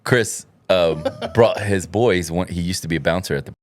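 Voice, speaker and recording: Deep-voiced man telling stories. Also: normal speed, no room sound, studio quality. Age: 30s. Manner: swearing, storytelling with bursts of laughter. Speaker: podcast host. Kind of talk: casual chat.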